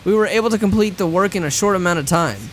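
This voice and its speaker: A person reading visual novel narration aloud in a somewhat halting way. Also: mid-range voice, a little hiss or hum. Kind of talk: live read-aloud of visual novel script, narration and dialogue.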